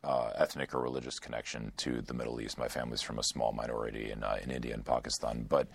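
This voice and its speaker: A man's voice: a bass voice, flat delivery, fast, vocal fry, no room sound. A man, a trauma surgeon, answering interview questions earnestly, with many fillers and restarts. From United States.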